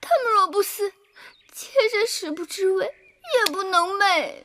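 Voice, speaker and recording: A woman's voice: very high voice, lively intonation, a little slow, bright, forceful tone, a little hiss or hum, exaggerated voice. An actress playing a bitter, vengeful noble lady in a period TV drama, insistent and demanding.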